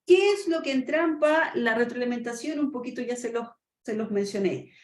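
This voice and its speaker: A woman's voice: fairly high pitch, normal speed. A woman training consultant giving a webinar lecture, often checking in with her listeners and acting out workplace dialogues. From Chile. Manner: acts out boss-employee dialogues; addresses audience directly with check-ins. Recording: echoey room.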